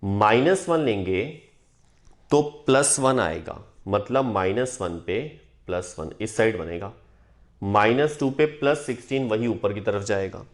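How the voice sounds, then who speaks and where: Low-voiced man teaching math at a board. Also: lively intonation, unhurried. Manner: checks in with students often. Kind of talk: whiteboard lesson.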